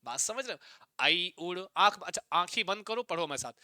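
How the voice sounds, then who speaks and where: A man teaching a Sanskrit exam-prep lesson. He chants the sutras slowly in a sing-song and teases his students into reciting along. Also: high voice, animated, sharp tone, no echo, clean studio sound.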